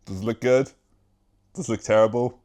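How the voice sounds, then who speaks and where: A man's voice: medium pitch, fairly even intonation, fairly quick, darkish tone. A young British man talking casually to the camera in a vlog, rambling and self-mocking, with casual swearing. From Britain. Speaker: YouTuber.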